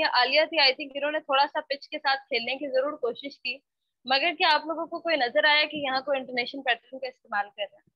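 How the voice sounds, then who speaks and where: A woman's voice: sits high, no echo. A woman teaching a spoken English class online, scolding her students and switching between Hindi-Urdu and English. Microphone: computer mic on a video call. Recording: dull, dry online-call audio.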